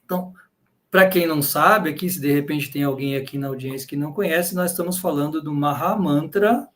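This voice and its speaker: A man with a Brazilian Portuguese accent lectures patiently to a live audience. His voice sits a little high for a man. He explains step by step and keeps checking in with short tag questions. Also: brisk, a bit bright, a little hiss or hum. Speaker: lecturer on bhakti yoga.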